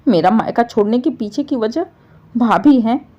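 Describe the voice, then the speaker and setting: A self-pitying young sister-in-law, whiny and accusing, with a pitch that jumps up in outrage, as a woman reads her. The recording is a little dull and lo-fi. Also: lively intonation, moderate pace, warm tone. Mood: tearful. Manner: whiny, accusing, rises sharply.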